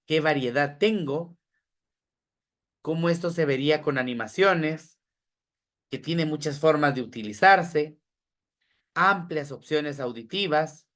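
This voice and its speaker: This man's voice sits fairly high with a somewhat bright tone as he lectures teachers online on educational psychology, where he trains teachers. Working step by step through examples, he addresses his audience head-on, repeatedly asking "¿verdad?" and checking whether they're keeping up.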